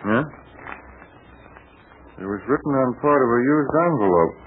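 Through a scratchy, narrow 1940s radio recording comes a man acting a steady, reassuring adventure hero. His talk is plain and slangy, and his pitch moves about in a lively way. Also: normal speed, natural voice. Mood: intent. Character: Pat Ryan, steady reassuring adult adventurer.

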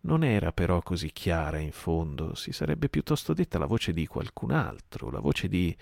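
A man voicing a nervous, superstitious pirate sailor in a storybook reading, eager and excitable. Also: low voice, moderate pace, gravelly, dry recording, studio quality, full character voice.

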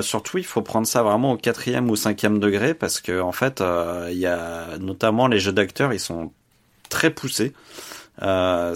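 A man co-hosting a podcast, giving an unscripted, casual review of a TV series and searching for his words as he goes. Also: lowish voice. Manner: unscripted and searching for words, lively when praising.

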